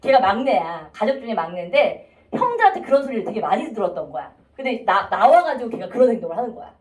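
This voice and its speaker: Female teacher, chatty and animated, fairly high voice, recorded from afar in a roomy classroom. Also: fast. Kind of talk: classroom lecture. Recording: echoey classroom from a distance.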